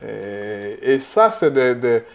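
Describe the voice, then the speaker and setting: A middle-aged man from Burkina Faso, a political candidate answering interview questions, halting and repeating words as he searches, then growing emphatic. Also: mid-range voice, sing-song, gravelly.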